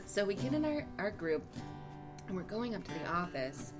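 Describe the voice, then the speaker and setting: A woman co-hosting a comedy podcast, telling a silly story in an animated, giggly way. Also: on the low side, normal speed, music in the background. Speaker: podcast co-host. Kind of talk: comic storytelling.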